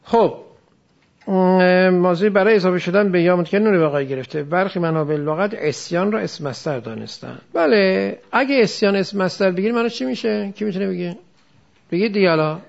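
A man's voice: high voice, gravelly, muffled recording. A man teaching a class, explaining grammar step by step and quizzing his students with questions. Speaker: religious studies teacher. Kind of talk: classroom lecture on Quranic Arabic grammar.

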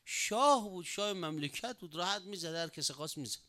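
A man preaching a sermon, telling a story with emphatic, drawn-out lines. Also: high-pitched, animated, pushed and bright.

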